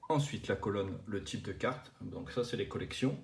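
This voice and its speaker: The host of a card collecting channel explains collecting terms casually while showing cards on video. His fairly low voice is creaky and moderately paced, and he is chatty, with many fillers and restarts.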